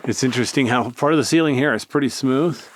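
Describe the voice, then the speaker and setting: A man's voice: medium pitch, quick pace. Laid-back man, noisy cave recording. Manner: laid-back, rambling asides. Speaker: cave explorer filming a video. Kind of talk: casual spoken tour commentary. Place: inside a rocky cave. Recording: clear background noise, handheld cave recording.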